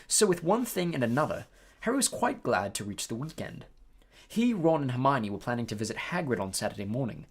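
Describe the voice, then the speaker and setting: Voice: medium pitch, husky. An audiobook reader narrating a story, with small slips and fillers.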